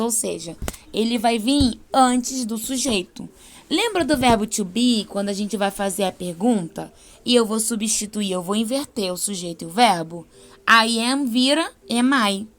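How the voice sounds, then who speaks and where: A young adult woman with a Brazilian accent teaching an English class, explaining patiently and slowing down for example sentences. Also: fairly high pitch. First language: Portuguese. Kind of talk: online class lesson.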